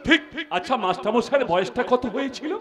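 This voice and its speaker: A man's voice: very high voice, expressive, fast talker. An actor playing a smug, scheming local strongman with sly, mocking, proverb-laden talk, in live folk-theatre acting. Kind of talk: live jatra stage acting. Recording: live stage mic with loud music.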